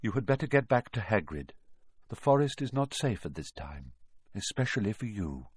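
A grave, noble young centaur from a storybook, speaking low and measured in a dry, close sound, as a man reads him. His voice moves widely in pitch, dropping hushed for warnings and rising to a bellow when roused. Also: big pitch swings, slightly rough, no echo. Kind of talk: audiobook character reading.

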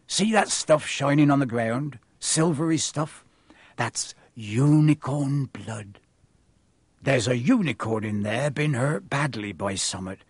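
A man's voice: medium pitch, takes it slowly, husky, dry recording. Storybook gamekeeper, acted by a male narrator: fierce, big-hearted, rustic dialect, growling delivery, no room sound. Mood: cautioning.

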